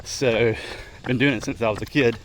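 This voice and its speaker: A middle-aged man chatting casually and ramblingly to his vlog while running, in short broken phrases with pauses. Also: medium pitch, steady tone, a little hiss or hum, rough recording. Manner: talking while running, slightly effortful. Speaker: vlogger. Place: outdoors, on the move.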